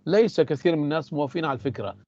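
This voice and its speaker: A man with an Egyptian Arabic accent teaching English, explaining phrases in Arabic and repeating the English examples slowly and carefully. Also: fairly high pitch, expressive, dark tone, muffled recording. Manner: repeats key words for emphasis.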